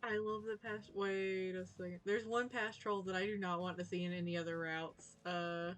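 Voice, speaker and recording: A woman's voice: lowish voice, fairly even intonation, normal speed. A woman hosting a gaming video, reading game text aloud and commenting in an informal, giggly, self-interrupting way. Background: music.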